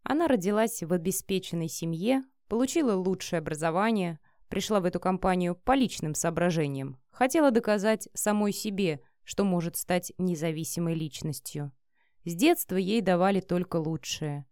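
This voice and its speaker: A woman reading a romance novel aloud as an audiobook narrator, in an even, steady manner. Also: on the low side, moderate pace, no room sound, clean studio sound.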